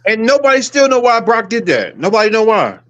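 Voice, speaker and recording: High-voiced man reacting in casual chat. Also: big pitch swings, fast, fairly bright tone, lo-fi sound. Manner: short reactions and puzzled rants. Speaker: co-host.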